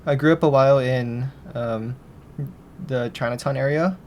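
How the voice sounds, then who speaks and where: A young man in his twenties from Hawaii, answering interview questions in a halting, hesitant way, often restarting his sentences. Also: mid-range voice, darkish tone, slight background noise. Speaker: interview guest, film student.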